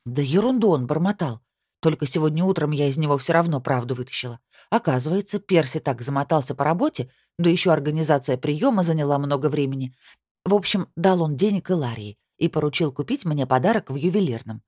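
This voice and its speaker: A woman's voice: low-pitched, expressive, fast talker, a little mellow, husky, no echo, studio quality. A woman voicing an aggrieved young bride who complains heatedly in an audiobook. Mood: indignant. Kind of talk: audiobook character reading.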